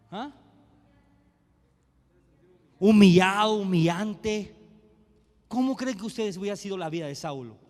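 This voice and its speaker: Pastor, male, very high bright voice, preaching in a reverberant hall with soft music under it. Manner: swings from hushed asides to shouted preaching. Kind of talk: sermon. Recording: long hall reverb, faint music behind.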